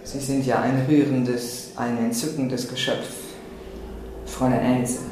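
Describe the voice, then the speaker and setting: A man voicing an older gentleman who talks in a slow, smooth, condescending way, in an echoey room with faint noise. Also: medium pitch, flat delivery, pitched below the performer's own voice, natural voice. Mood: unctuous.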